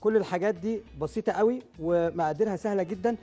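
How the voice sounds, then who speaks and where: A man's voice: high voice, rapid-fire, dark tone, soft background music. A middle-aged man with an Egyptian Arabic accent, hosting a live studio cooking show, chatty as he explains recipes while he cooks. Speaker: TV cooking show chef and host. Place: large TV studio kitchen. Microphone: lapel mic.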